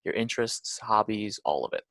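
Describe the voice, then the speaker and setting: A young man co-hosts a casual podcast, speaking earnestly and filling gaps with frequent restarts. His lowish voice is gravelly, recorded close and dry. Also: sing-song, a little fast, fairly bright tone, no echo. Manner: earnest, full of "you know" restarts. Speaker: podcast co-host.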